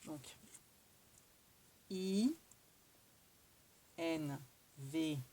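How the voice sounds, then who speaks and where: Speaking in a low, dark voice and drawing out her words, a French-accented woman hosts a craft tutorial. She's chatty as she demonstrates a craft tool, using lots of fillers and thinking aloud while she works.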